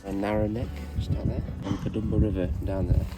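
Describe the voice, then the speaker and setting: A man vlogging outdoors at a rainy mountain lookout, telling stories in a deadpan, self-mocking way. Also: fairly low pitch, a little fast, over loud music, low-quality recording. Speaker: travel vlogger. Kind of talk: joking casual chat.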